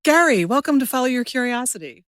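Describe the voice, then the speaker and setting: Speaking fast and with lots of animation, a woman with a high-sitting voice presents her creativity podcast from a script, introducing the show and interviewing. She works as a podcast host and creativity coach, and the recording is dry with clean studio sound.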